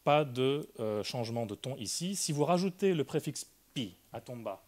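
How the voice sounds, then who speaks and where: A man's voice: medium pitch, expressive, normal speed, a little mellow. A man giving an academic linguistics talk, explaining carefully with frequent hesitations and restarts. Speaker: linguistics lecturer.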